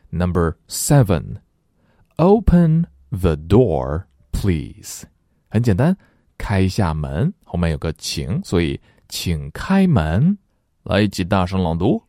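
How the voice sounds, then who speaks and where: A man teaching English phrases in a language lesson, reading model sentences slowly and deliberately with quick explanatory asides. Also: low-pitched, gravelly, mellow, no room sound, studio quality.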